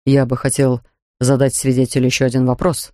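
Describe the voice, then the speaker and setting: A reader voicing a nervous male lawyer who speaks low and hesitantly. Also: completely flat delivery, brisk, darkish tone, dry recording, clean studio sound, lightly acted. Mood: flustered.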